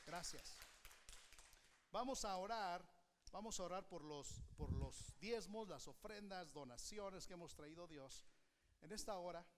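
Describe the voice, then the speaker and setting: A pastor with a strikingly high voice delivers a lively sermon. He calls on the congregation to repeat key phrases after him. He also uses a prop and a volunteer as live illustrations. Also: a little slow, slight background noise. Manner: animated, has the congregation repeat phrases back.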